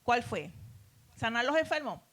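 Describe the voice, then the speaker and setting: A woman's voice: on the high side, sing-song, a little slow, fairly bright tone. A middle-aged woman teaching a Bible class in a preacherly way, addressing listeners as beloved and asking them rhetorical questions.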